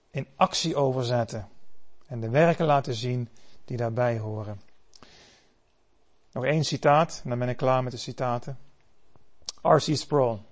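A man preaching a sermon, telling stories dramatically and swelling loud for the cries he quotes. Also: medium pitch.

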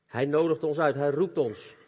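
A man delivering an earnest, animated sermon, turning often to speak straight to the young people listening. His voice sits a touch high and carries a slight husk. The sound hangs in the long reverb of a church hall. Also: moderate pace, breathy edge, lo-fi sound. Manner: earnest, animated, addresses youth directly. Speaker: preacher.

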